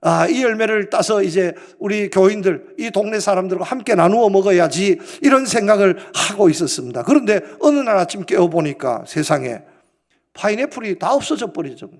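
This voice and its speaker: A male pastor preaching a sermon in a church, telling a story in an emphatic, animated way. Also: high voice, moderate pace. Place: church sanctuary.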